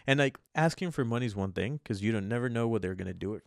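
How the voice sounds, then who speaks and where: A man's voice: medium pitch, lively intonation, quick pace, gravelly, dry recording, studio quality. A man co-hosting a podcast, telling loose, rambling stories with casual swearing. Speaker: podcast co-host. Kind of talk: casual chat.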